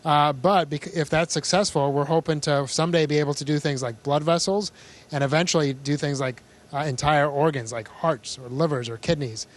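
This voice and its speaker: A man's voice: fairly high pitch, fairly even intonation, moderate pace. A man speaking as an astronaut, answering questions informally and explaining things in plain words. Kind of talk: answering questions in a live link-up.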